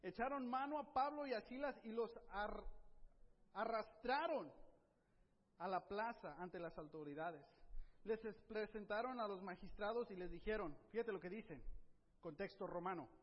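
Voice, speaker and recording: A high-voiced man preaching a sermon, animated and full of rhetorical questions to his listeners. The sound is dull and somewhat lo-fi, with a long reverb from a large hall. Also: moderate pace. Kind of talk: sermon retelling a Bible passage.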